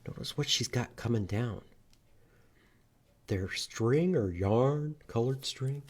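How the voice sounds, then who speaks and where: A man leads a children's storytime at a library, reading aloud in an animated, expressive way at a slow pace with a medium-pitched voice. He mixes in singing and invites the children to join in.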